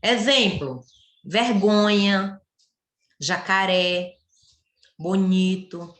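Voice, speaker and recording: Slow, patient woman teaching children. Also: medium pitch, a bit bright. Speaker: primary school teacher. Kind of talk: online class lesson. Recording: echoey room.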